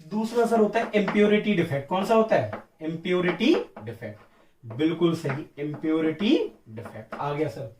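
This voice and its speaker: A high-pitched man lectures on chemistry, posing questions and then answering them in the students' place, repeating each key term like a call and response. His voice sits back from the mic in a roomy, echoing space. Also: animated, normal speed, distant mic, noisy background. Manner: calls listeners beta and sir. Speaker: chemistry teacher. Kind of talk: classroom lecture. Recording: echoey room, voice from off-mic.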